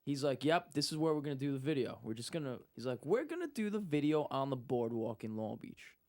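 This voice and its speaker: A man's voice: medium pitch, a little fast. A young man telling a story in casual talk, acting out what people said. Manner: animated, acts out quotes. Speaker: guest.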